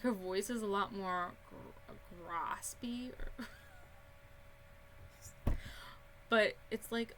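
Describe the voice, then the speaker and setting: A woman's voice: mid-range voice, a bit bright, slight background noise. A young woman casually touring a house she built in a life-simulation game, rambling and chatty with lots of ums. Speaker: Sims gaming YouTuber. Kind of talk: casual game build tour.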